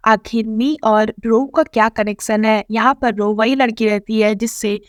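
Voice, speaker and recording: A woman narrating a drama recap in a brisk, matter-of-fact storytelling manner. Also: on the high side, steady tone, dry recording, studio quality.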